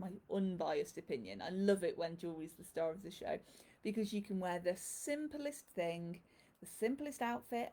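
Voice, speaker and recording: Woman, live shop host, effusive and rambling, mid pitch. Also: warm tone. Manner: chatty and effusive, greets viewers by name. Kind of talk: casual live-stream chat.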